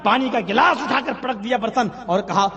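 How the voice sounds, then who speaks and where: A man's voice: very high voice, bright, forceful tone. A man preaching a sermon, telling stories and addressing listeners as brothers. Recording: long hall reverb.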